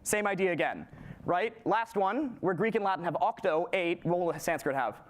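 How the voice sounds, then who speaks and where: A young man giving a lively, casual lecture to a live audience, often checking in with "right?" and quizzing the room. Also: high voice, normal speed. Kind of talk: live classroom lecture on historical linguistics.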